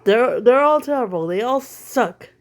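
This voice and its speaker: This online commentator, still a little sick with a bothersome throat, speaks from home with blunt criticism and lots of fillers. Her pitch is fairly high, her delivery expressive, her pace measured.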